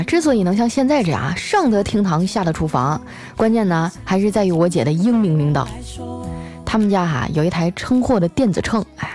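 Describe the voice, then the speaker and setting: A woman's voice: on the low side, a little mellow. A woman hosting a comedy podcast who tells funny stories in a playful, chatty way. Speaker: podcast host. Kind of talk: comic storytelling.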